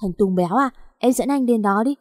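A woman's voice: a little high, a little fast, a little mellow, dry recording, clean studio sound, lightly acted. A woman voicing a determined young boy who is earnest and protective of his little sister. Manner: earnest, pleading.

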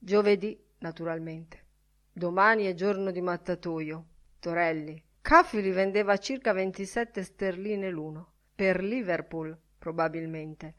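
A woman narrating a literary audiobook with a calm, varied delivery. Her voice sits slightly low for a woman. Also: unhurried.

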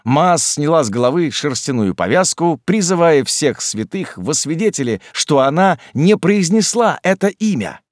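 A man narrating an audiobook in an expressive storytelling manner. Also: fairly high pitch, normal speed, few pauses, dry recording, studio quality. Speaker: audiobook reader. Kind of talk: scripted narration.

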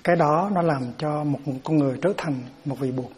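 A man's voice: fairly high pitch, fairly quick, darkish tone, slightly rough. A man giving a Buddhist dharma talk as teacher, explaining terms patiently and often repeating words as he searches for them.

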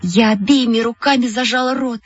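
Audiobook narrator, woman, husky, lively delivery, dull lo-fi sound with faint music. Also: a little high, normal speed, dry recording. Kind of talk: storybook narration.

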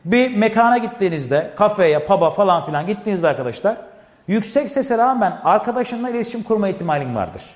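A man with a high, sing-song voice talks fast while lecturing in a classroom with a board, explaining step by step. He repeats key phrases and keeps addressing his listeners directly, and the room has a long, echoing reverb.

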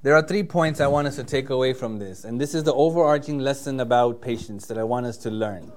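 A man's voice: mid-range voice, brisk. A man giving a religious lecture in English, who recites passages fluently in Arabic and often checks in with "yeah?" and "right?". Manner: earnest, emphatic delivery. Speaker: preacher.

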